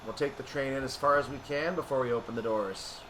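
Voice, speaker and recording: With a quick pace and a mid-range voice, this man thinks aloud while streaming a train simulator game, his commentary explanatory and methodical. Background noise can be heard.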